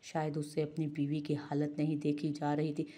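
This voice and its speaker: A woman narrating a romantic novel in a slow, solemn, even reading. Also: low-pitched. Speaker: audiobook narrator.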